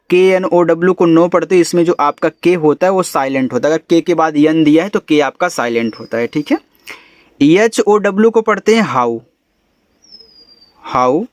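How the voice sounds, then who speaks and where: A man's voice: fairly high pitch, expressive, moderate pace, darkish tone, dry recording. A man teaching English, spelling out each word letter by letter and explaining its meaning patiently. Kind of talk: spelling out and reading a story word by word.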